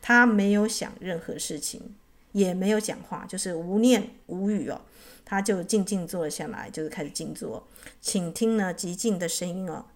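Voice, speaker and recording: Woman storyteller with drawn-out particles. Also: on the low side. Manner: drawn-out sentence-final particles. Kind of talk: storytelling with spiritual commentary.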